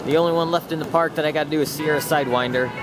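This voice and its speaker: On a handheld camera mic outdoors at an amusement park, a man with a voice on the high side talks very fast with fairly even intonation. His casual vlog narration comes in short, matter-of-fact bits against a noisy background.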